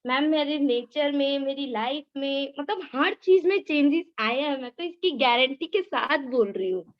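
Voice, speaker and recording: A woman's voice: high-pitched, animated, normal speed, lo-fi sound. A woman eagerly sharing a personal story on a video call, talking nonstop and calling the host ma'am. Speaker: participant sharing her experience.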